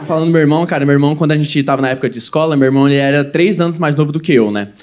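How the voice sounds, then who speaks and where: A man's voice: a little high, a little mellow. A young man from Goiás, Brazil, performing a stand-up comedy set on stage and acting out quoted lines between laughs. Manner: fast storytelling with acted quotes and audience laughs. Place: comedy stage before a live audience.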